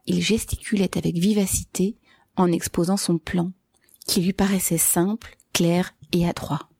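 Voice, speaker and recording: A woman narrating a novel aloud in a measured, clear storytelling manner. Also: fairly low pitch, steady tone, warm tone, dry recording, studio quality. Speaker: reader. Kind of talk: scripted narration.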